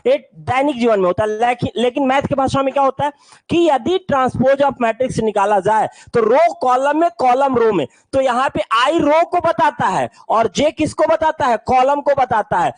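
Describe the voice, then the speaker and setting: A man's voice: very high voice, moderate pace, no echo, low-quality recording. A man teaching an online maths class in a playful way. He keeps telling students to look carefully and asks the class questions.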